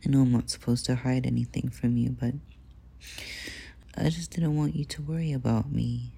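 A young woman speaking softly and hesitantly into a close mic, often whispering, in an ASMR girlfriend roleplay. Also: a bass voice, steady tone, moderate pace, gravelly, husky.

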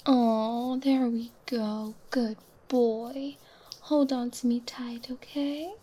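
A woman performing an intimate ASMR roleplay, talking in a soft, breathy whisper with quiet laughs. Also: a little high, fairly even intonation, very slow.

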